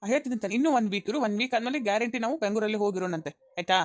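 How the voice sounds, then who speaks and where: A woman's voice: mid-range voice, lively intonation, very fast, dry recording, studio quality, lightly acted. A woman voicing a young husband caught between his wife and his mother, insistent and coaxing, repeating himself.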